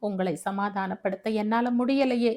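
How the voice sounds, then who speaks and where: A woman's voice: mid-range voice, normal speed, a little mellow, natural voice. A woman voicing a guilt-ridden young man who earnestly and tearfully apologises to a grieving widow. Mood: guilty, tearful.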